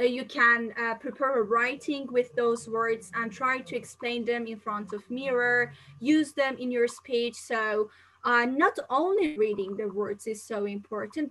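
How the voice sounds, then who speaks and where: Woman from Singapore, live-stream English exam tutor; chatty, filler-heavy delivery, bright and fairly high-pitched. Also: low-quality recording. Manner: chatty, reads viewer questions aloud and answers them; frequent fillers and restarts, non-native phrasing. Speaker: English teacher.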